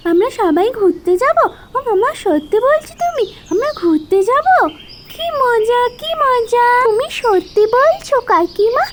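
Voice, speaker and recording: A woman's voice: extremely high pitch, slight background noise, pitched above the performer's own voice, full character voice. A woman doing a tiny pleading little girl. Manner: pleading, repetitive and sing-song. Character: small excited young girl, whiny and pleading.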